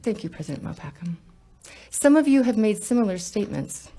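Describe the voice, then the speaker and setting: A woman's voice: medium pitch, sing-song, fairly quick, dark tone, breathy edge. A woman giving a formal, pointed and emphatic statement at a board meeting. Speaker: school board director.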